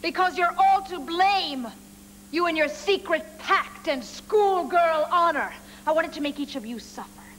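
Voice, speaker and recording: A woman's voice: very high voice, a little slow, a bit bright, slight background noise, poor audio. An actress playing a bitter young model who cuttingly accuses the older women around her in a 1980s TV drama. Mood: accusing. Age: young adult. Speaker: actress in a TV miniseries.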